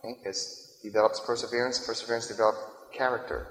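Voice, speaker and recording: A man's voice: medium pitch, steady tone, fast talker, fairly bright tone. A man preaching a sermon in a loose, conversational way, often checking in with the listeners, in a large hall. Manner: conversational, keeps checking in with "right?" and "okay?". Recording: echoey hall reverb.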